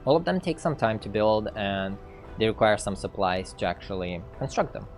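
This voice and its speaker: Low-voiced man thinking aloud. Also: big pitch swings, moderate pace, faint music behind. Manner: thinking aloud, hesitant with fillers, reads game text. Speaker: game developer streaming gameplay. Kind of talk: casual livestream gameplay commentary.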